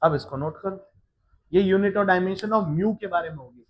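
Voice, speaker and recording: High voiced guy teaching physics, slow and deliberate, kinda dull lo-fi sound. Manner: slow and deliberate, checking students often. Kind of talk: classroom lecture.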